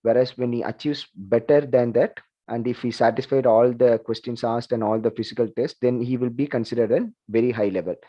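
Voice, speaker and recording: A man's voice: medium pitch, steady tone, fairly quick, hardly any pauses. Dull-sounding male lecturer. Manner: conversational, repeats "like" and "okay", asks the class questions. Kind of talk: online class lecture. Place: video call.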